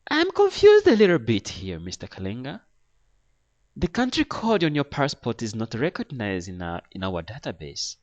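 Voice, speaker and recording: A man's voice: medium pitch, wildly swooping pitch, normal speed, a little mellow, dull audio, voice pushed up. A man voicing a formal, suspicious female airline gate agent with a Spanish accent. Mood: officious.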